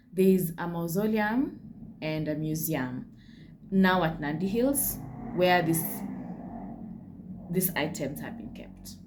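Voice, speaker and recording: A woman's voice: fairly low pitch, darkish tone, a little hiss or hum. A Kenyan woman hosting a casual history vlog, chatty, with frank asides and slips into Swahili. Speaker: history channel host.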